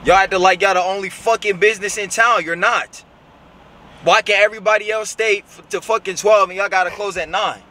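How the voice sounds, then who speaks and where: A man's voice: high voice, steady tone, fairly quick, sharp tone. A young man, the host's little brother, bantering bluntly with lots of cursing. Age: young adult. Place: fast-food restaurant.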